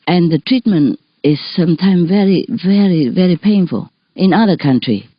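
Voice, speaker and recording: Woman, chatty storytelling, lowish voice, dull dry recording. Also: lively intonation, normal speed, no echo. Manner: chatty, warm anecdotes with frequent laughs and restarts. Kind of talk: casual talk to an audience.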